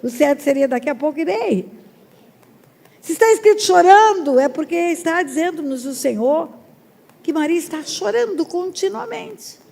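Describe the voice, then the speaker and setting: A woman pastor preaching a sermon with emphatic loud rises and drawn-out words. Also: very high voice, lively intonation, vocal fry. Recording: long reverb of a large hall.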